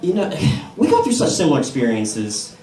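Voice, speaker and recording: With huge pitch swings, this American comedian's fairly high, mellow voice keeps a normal speed. He's onstage at a comedy club open mic, spinning stories in an easy manner and engaging the live audience. Captured from a distance in roomy acoustics, the crowd laughs along.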